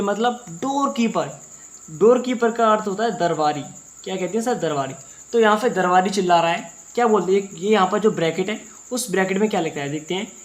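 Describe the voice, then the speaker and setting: Speaking in a high register with an Indian accent, this man uses Hindi to teach English. He goes through English sentences one slow word at a time and keeps re-explaining every word.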